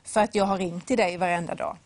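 A woman gives a devotional talk retelling a Bible story, acting out the voices, adding a whispered aside and addressing the listener directly with simple examples. Her voice is lowish and darkish, with fairly even intonation, and the recording has no room sound.

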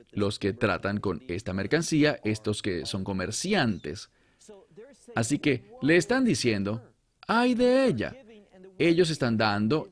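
Man preaching with lively pitch swings. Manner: emphatic, rhetorical questions, slows for scripture quotes. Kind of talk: expository sermon.

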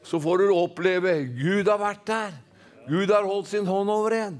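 A man's voice: high-pitched, fairly even intonation. A man from Norway preaching a fervent Pentecostal sermon, rhythmic and calling for responses from the congregation.

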